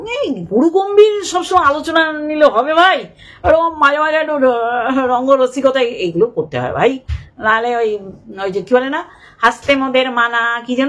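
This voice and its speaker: A woman vlogger, giving mocking, animated gossip commentary straight to her viewers. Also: high voice.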